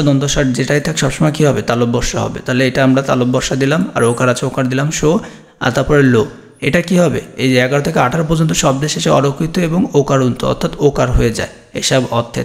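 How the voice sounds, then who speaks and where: A man's voice: fairly high pitch, fast talker, creaky. A man teaching an exam-prep grammar lesson, explaining step by step and answering his own questions.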